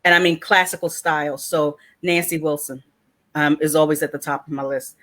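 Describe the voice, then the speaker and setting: A woman's voice: sits low, a little fast. A woman from Washington, D.C. hosting a casual panel chat, telling stories and acting out the quotes in them. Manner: animated storyteller, acts out quotes. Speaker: host.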